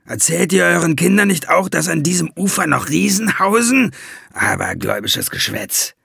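A man's voice: sits high, wildly swooping pitch, moderate pace, vocal fry, sharp tone, breathy edge, no echo, studio quality, voice pushed up, exaggerated voice. A man doing a sly, mocking dwarf named Valiant. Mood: scornful. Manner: sarcastic, needling. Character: sly, mocking male dwarf, blunt and gruff. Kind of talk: audiobook reading.

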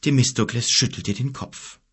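A man narrating a fantasy audiobook in a measured, expressive way. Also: medium pitch, slightly rough.

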